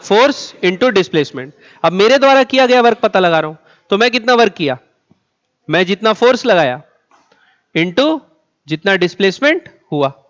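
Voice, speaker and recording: A man's voice: high-pitched, very animated, normal speed, a bit bright. A man teaching a physics class, asking the students questions and answering them himself, stretching words out and repeating key terms. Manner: drags out words for emphasis. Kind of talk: classroom lecture. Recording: dull lo-fi sound.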